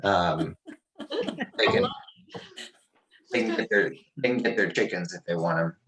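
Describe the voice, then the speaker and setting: A middle-aged man teaching a class over a video call, telling a personal story in a relaxed, reflective way with many restarts. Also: low-pitched, measured pace, background noise.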